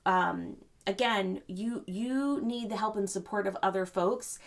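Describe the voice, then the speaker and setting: Gentle rambling woman reading cards. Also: medium pitch, unhurried, vocal fry. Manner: gentle, rambling with many fillers. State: choked up. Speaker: psychic reader. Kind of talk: casual spiritual card reading.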